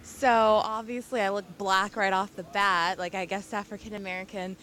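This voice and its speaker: A woman's voice: medium pitch, fairly even intonation, moderate pace, fairly bright tone, a little hiss or hum. Young woman talking casually in an interview. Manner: casual, with many "like" fillers.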